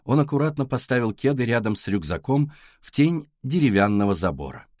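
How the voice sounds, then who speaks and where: A man narrating a novel aloud in a scripted, expressive reading. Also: mid-range voice, a little fast, dry recording, clean studio sound. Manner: expressive reading with acted dialogue. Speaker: audiobook narrator.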